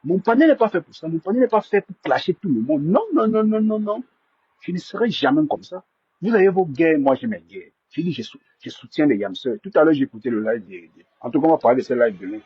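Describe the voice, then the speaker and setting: A man's voice: a little high, lively intonation, quick pace, husky, no room sound, highs cut off. Huskily stammering man. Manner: stammering, repeats himself; indignant, defensive. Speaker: live-stream host. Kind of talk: live-stream commentary to viewers.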